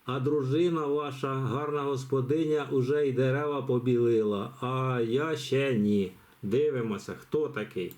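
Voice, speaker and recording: A man's voice: mid-range voice, normal speed, a little mellow. A man hosting a live giveaway on his channel, talking in a rambling, chatty way many fillers and restarts. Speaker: channel host running a giveaway. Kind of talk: casual live commentary.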